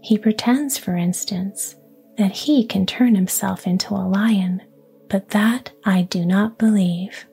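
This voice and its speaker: A woman whispering the lines of a clever, commanding young princess in a fairy tale, hushed and sly. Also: medium pitch, slow pace, creaky, husky, soft background music, heavily acted.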